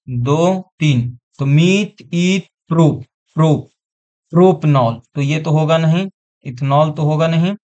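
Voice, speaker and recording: A man's voice: on the high side, lo-fi sound. A man teaching an exam-prep science class online, repeating terms and often checking that students follow.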